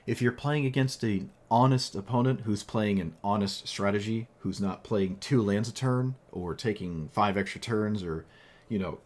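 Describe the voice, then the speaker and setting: His voice worn from a long stream, a man offers casual gameplay commentary about a card game deck, wandering through his thoughts with frequent fillers and self-corrections. His voice is mid-range and a little mellow.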